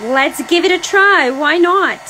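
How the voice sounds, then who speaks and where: A high-pitched woman hosts a relaxed card-making livestream from her desk. She talks slowly and chats as she works, thinking aloud and laughing easily. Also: a little hiss or hum, low-quality recording. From Serbia. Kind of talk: casual craft demo livestream. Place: craft desk indoors. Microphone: overhead camera on desk.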